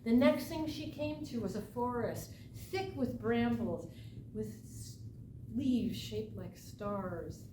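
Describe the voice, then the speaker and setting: A woman telling a folk tale aloud as a live storyteller, dramatic and deliberate, with emphatic phrases and pauses. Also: fairly high pitch, warm tone. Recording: echoey, distant mic, noisy room ambience.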